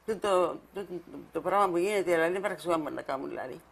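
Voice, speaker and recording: Μια ηλικιωμένη γυναίκα με κυπριακή προφορά δίνει μαρτυρία σε συνέντευξη ντοκιμαντέρ, μιλώντας διστακτικά και επαναλαμβάνοντας λέξεις. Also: female voice, on the low side, gravelly. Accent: Cypriot Greek. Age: older. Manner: halting, repeats words while recalling. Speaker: mother of the fallen soldier. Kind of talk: documentary interview testimony.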